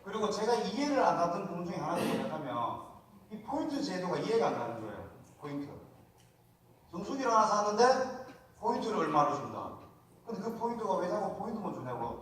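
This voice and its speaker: This motivational seminar speaker talks in a chatty, down-home style with a Korean regional accent, frequently inviting replies from the crowd. He has a high, slightly bright voice, and a little hiss or hum can be heard. The recording comes from a distant mic in a large hall full of echo.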